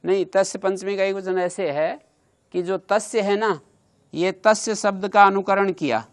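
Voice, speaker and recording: A man's voice: high-pitched, fairly even intonation, unhurried. A man teaching a grammar class, explaining step by step and stopping to check with his listeners by asking them questions. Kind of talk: classroom lecture.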